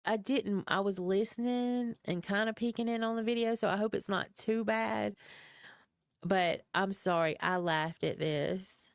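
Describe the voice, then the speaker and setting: A woman's voice: medium pitch, measured pace, gravelly, smooth, no echo, clean studio sound. A woman with a Southern US accent chatting casually on a live stream, rambling and self-deprecating. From American South. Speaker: streamer host.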